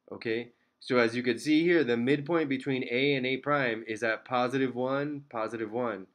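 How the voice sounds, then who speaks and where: A male math teacher explains each step of a problem at an even middle pitch. He talks plainly and checks in often with the class. Now and then he slips in a self-mocking aside. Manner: steady step-by-step explaining, frequent "okay?" and "all right?" checks; light self-deprecating asides. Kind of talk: recorded math lesson.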